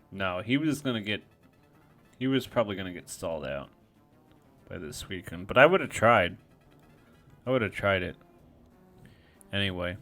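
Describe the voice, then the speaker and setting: Man, lowish voice, casual match commentator, self-mocking asides, faint music underneath. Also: a bit bright. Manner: self-deprecating, thinks aloud, frequent restarts. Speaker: game commentator.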